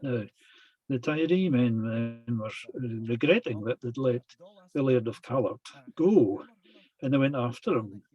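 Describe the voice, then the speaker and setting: A man giving a lecture that retells traditional tales, speaking in a halting, deliberate way. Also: medium pitch, lo-fi sound.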